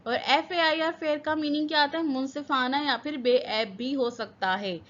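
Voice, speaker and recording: High-voiced woman teaching English words. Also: moderate pace, fairly bright tone, highs cut off. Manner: spells words letter by letter and repeats their meanings; asks the class questions and answers them herself. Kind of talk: vocabulary lesson.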